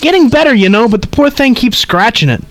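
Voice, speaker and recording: A nosy old woman who rambles and gossips and ends half her sentences with "though", as a man puts her on. Her voice sits high and swings wildly up and down. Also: animated, quick pace, close to an everyday voice. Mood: gossipy. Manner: chattering, cackling, repeats "though".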